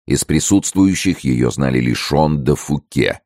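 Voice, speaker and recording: A man narrating an audiobook in a steady, serious storytelling manner. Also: very deep voice, unhurried, dry recording, studio quality. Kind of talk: scripted narration.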